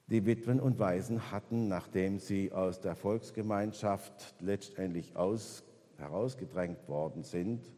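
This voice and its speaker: Guy preaching in a church hall, lowish voice, long echo, gets loud on the big points then goes quiet. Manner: rises in pitch and volume when stressing points, drops low and soft in reflection. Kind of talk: sermon.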